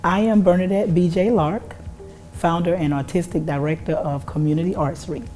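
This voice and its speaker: A woman speaks in an interview with earnest, uplifting conviction. Her voice sits low and warm, with faint music underneath. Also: steady tone, normal speed. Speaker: founder and artistic director.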